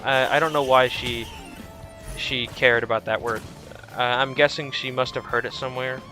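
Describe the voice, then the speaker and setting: A man's voice: mid-range voice, steady tone, normal speed, over music. A young man streaming a video game, chatting in a rambling, easygoing way with lots of restarts. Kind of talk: casual chat while streaming a game.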